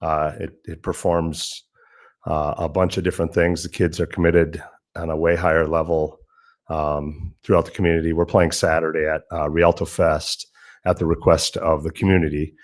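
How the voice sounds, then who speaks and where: A man with a low voice speaks as a band director addressing a board. He is informal and folksy, feeling his way through his phrases. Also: flat delivery, moderate pace.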